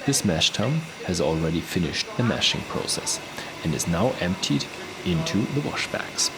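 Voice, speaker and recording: A man's voice: sits low, big pitch swings, normal speed, crowd noise. A man presenting a descriptive tour, recorded on location with noise around him. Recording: noisy location sound, background hum.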